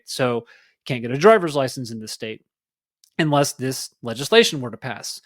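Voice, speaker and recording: A Texan man hosts his own podcast, talking solo and casually about politics and everyday life, rambling and using lots of fillers. His voice is medium-pitched, and the recording is dry with clean studio sound.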